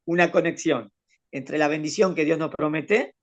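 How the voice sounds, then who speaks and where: A rabbi teaches a student Torah in a conversational lesson, explaining patiently and asking questions along the way. His voice is on the high side at normal speed.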